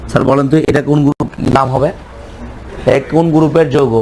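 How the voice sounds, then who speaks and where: A man's voice: a little high, little pitch movement, fast, darkish tone. A male chemistry teacher giving a lecture, asking the class questions and answering them himself, repeating each name over and over. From Bangladesh.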